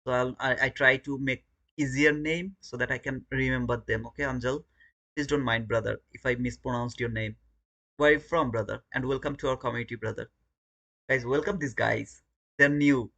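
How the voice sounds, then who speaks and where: This Bangladeshi livestream host talks trading at a normal speed in a medium-pitched, steady voice that's pushed and bright, with some vocal fry. Speaking Bangladeshi-accented English, he chats casually with viewers and frequently repeats words.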